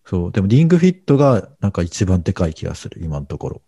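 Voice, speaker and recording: Low gravelly man, dark and dry. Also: big pitch swings, fast, no room sound. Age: middle-aged. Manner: hesitant, rambling with many fillers. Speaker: podcast co-host. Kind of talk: casual podcast chat.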